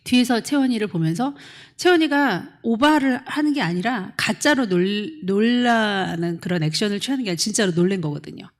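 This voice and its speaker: A woman's voice: mid-range voice, normal speed. A middle-aged woman pastor preaching to young adults, acting out quotes and calling on listeners by name. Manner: animated, acts out quotes, questions listeners by name. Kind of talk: lively sermon to a young adult congregation.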